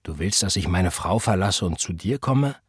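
An indignant, self-righteous preacher, read by a man in a low, husky voice. He snaps back in scorn and defends himself. The sound is dry and close. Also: expressive, moderate pace, no echo, full character voice.

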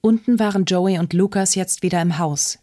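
A woman narrating an audiobook in a tense, steady storytelling manner. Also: lowish voice, normal speed, dry recording, studio quality. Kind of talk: scripted narration.

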